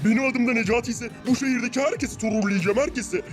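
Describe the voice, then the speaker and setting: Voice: medium pitch, rapid-fire, soft background music, close to an everyday voice. A performer voicing a scheming young male prankster in a block-game cartoon parody, gleeful and mocking.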